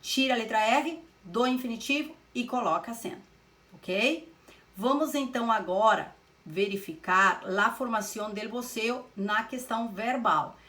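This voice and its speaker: A woman's voice: fairly high pitch, a little slow, pushed and bright. A woman teaching Spanish grammar, explaining step by step and answering her own questions. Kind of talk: recorded classroom lesson.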